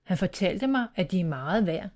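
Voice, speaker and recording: A woman voicing a boastful little greenhorn creature in a storybook tale, with a squeaky voice. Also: animated, darkish tone, natural voice.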